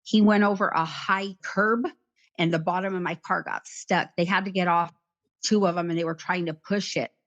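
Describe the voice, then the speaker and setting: A middle-aged woman recounting her past in an interview, in a plain, halting way with many "like" fillers. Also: lowish voice, steady tone, a bit bright, dull audio. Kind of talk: personal account in conversation.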